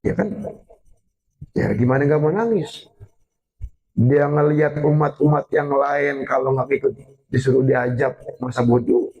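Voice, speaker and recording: A man preaching a casual sermon, telling a story with lively repetition and drawn-out quoted lines. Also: mid-range voice, highs cut off. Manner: animated storytelling, repeating phrases, drawn-out quotes.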